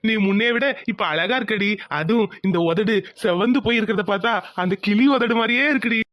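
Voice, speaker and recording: A woman's voice: mid-range voice, fairly quick, dry recording, pitched below the performer's own voice, natural voice. A woman voicing a playful old village husband who fondly needles his wife in a cartoon. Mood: teasing. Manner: fond, needling teasing.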